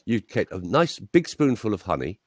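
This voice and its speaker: A man's voice: lowish voice, normal speed, husky. A man, a voice coach, telling anecdotes in a casual interview chat over a video call. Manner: lively anecdotal storytelling.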